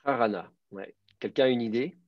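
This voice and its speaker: A man's voice: medium pitch, brisk, dry recording. A man teaching a beginners' class online, explaining at length with many fillers and restarts. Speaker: teacher of biblical Hebrew. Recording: dull, dry lo-fi sound.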